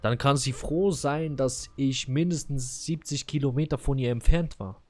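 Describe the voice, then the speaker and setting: A man talks over a co-op video game session, his voice mid-pitched and ordinary. He rants with mounting heat and swears freely as he retells a frustrating episode. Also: moderate pace, darkish tone. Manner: heated, swearing rant. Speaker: gamer retelling a story. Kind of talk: casual gaming chat.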